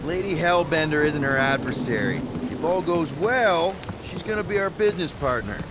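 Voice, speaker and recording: A man's voice: fairly high pitch, animated, normal speed, very noisy, natural voice. An actor playing a cocky young male space adventurer who leads in a breezy, joking, upbeat way, in video game dialogue. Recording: game audio under loud rain.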